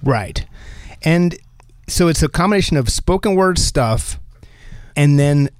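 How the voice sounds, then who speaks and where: A man from New Jersey hosting a podcast in casual chat, animated and laughing often as he talks. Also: fairly high pitch, a little slow, dry recording. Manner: animated, laughs often, restarts mid-sentence. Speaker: podcast host.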